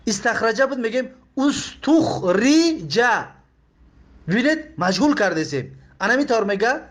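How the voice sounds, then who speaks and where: A man with a Tajik accent teaching Arabic grammar, speaking slowly, repeating words and asking his pupils questions. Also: sits high, animated, a bit bright. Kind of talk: explaining lesson.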